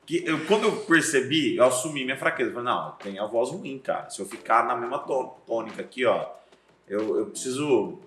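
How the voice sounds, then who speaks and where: A man, a pastor and seminary professor, chatting on a podcast with a deep voice, telling stories and acting out scenes. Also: a little fast, roomy sound. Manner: lively storyteller, acts out scenes, laughs often. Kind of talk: casual podcast chat.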